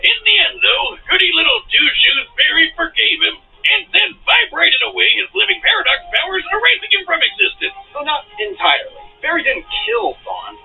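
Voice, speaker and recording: A man narrates in a high, wildly swinging voice, punching words with sudden shouts. His voice is gravelly and sounds far away, squeezed through a tinny, phone-like playback. Music plays behind him. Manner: dramatic, punchy delivery with sudden shouted emphasis. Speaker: show narrator. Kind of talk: scripted narration and sponsor read.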